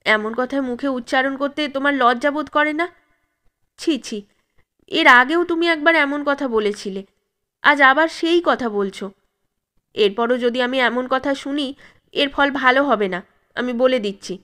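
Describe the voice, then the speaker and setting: A woman's voice: sits high, a little slow. Woman playing a proud, indignant wife. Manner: firm, indignant, sharp retorts. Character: proud, wounded young wife and mother.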